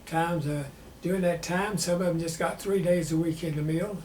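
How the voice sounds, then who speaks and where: Male, 90s, Southern US. Old veteran reminiscing, plain and halting, higher-pitched, in an echoey room. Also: fairly even intonation, a little mellow. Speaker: war veteran being interviewed. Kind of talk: personal reminiscence in an interview. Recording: roomy echo with faint background noise.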